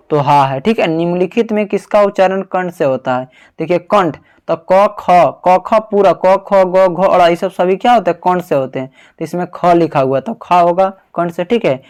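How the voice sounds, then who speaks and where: A man's voice: high voice, a little mellow. Man quizzing students on grammar. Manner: quizzes himself with a question, then repeats the answer; calls the listener "babu", sounds out syllables. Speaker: teacher. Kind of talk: exam-prep lesson.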